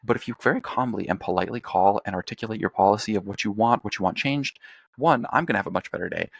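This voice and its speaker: Young male guest: rapid, blunt, swears freely, gravelly texture. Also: fairly low pitch, no echo. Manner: blunt, profane, rapid rambling with restarts. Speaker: podcast guest, former congressional staffer. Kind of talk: casual political chat.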